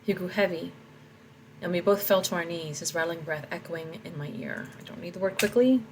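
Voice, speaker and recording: Woman author reading and editing aloud, low voice, reflective, light background noise. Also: brisk. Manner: reflective, talks through her edits. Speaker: author editing her own story. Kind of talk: reading aloud and commenting on edits.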